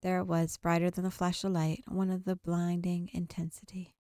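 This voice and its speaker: A woman with a lowish, monotone voice reads visual novel text at a normal pace, storytelling-style, for a gaming video she hosts. It's a dry, studio-quality recording with soft game music playing behind her.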